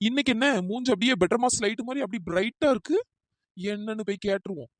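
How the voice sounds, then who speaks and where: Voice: mid-range voice, fast, no echo, studio quality, lightly acted. A performer voicing the hero's teasing young male friend in a cartoon. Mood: musing. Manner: mocking, joking.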